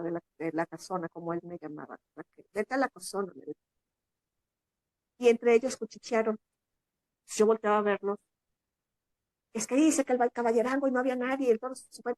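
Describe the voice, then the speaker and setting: A woman from Mexico with a Mexican accent, a guest telling a long personal story in an interview and acting out the voices of people in it. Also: no room sound. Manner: animated, acts out quoted voices in a higher pitch.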